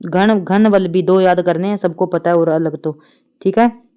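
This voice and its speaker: A young adult woman teaching an online exam-prep grammar class, chatty, listing words in quick runs and checking in with her students often. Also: lowish voice, mellow, clear, resonant tone. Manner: chatty, repeats "ठीक है" often. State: tired.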